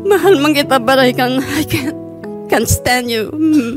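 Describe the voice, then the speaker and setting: A high-voiced older woman pours out a tearful, pleading complaint, switching between Tagalog and English. Faint music sits under her voice. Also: unhurried. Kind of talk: emotional public complaint.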